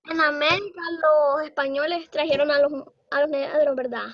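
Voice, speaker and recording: A student asking the teacher hesitant questions in an online class. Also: female voice, sits high, steady tone, normal speed, dull audio.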